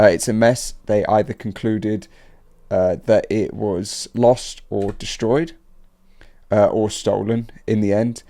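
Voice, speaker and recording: Sick guy low voice, gravelly, rambling about card prices w/ lots of uhs. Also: warm tone. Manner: rambling, filler-heavy. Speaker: card market channel host. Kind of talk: casual market commentary.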